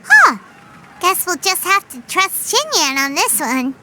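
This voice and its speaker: A woman voicing a tiny floating female companion creature in a video game, squeaky, childlike and wide-eyed, chatty and easily spooked. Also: sing-song, a little slow, pushed and bright, soft background music, full character voice. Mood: excited.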